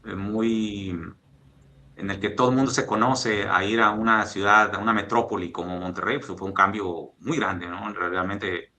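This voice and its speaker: A man from Mexico in his fifties, a guest executive speaking in a measured, thoughtful interview style with frequent fillers and restarts. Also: on the low side, fairly even intonation, bright, forceful tone. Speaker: guest, oil and gas executive. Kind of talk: relaxed interview conversation.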